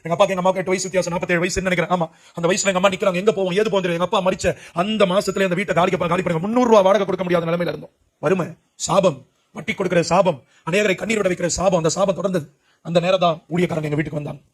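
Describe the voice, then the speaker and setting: This man from Puducherry, India, preaches his testimony at a racing pace, his high-pitched voice holding a fairly even intonation. The sermon is emotional and urgent as he cries out to his young listeners.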